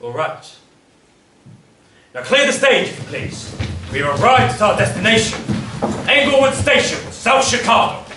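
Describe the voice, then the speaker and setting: A teenage boy acting a stage manager who loudly announces arrivals in a school play. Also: extremely high pitch, very animated, normal speed, long pauses, a little hiss or hum, exaggerated voice. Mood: commanding. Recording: echoey school stage from far off.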